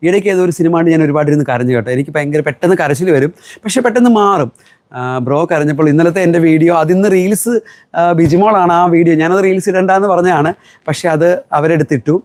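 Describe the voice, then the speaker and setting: A man's voice: fairly high pitch, fast talker, darkish tone, no room sound. A middle-aged man from Kerala, a shop owner chatting through a live sales stream and answering viewer comments. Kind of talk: live-stream product selling.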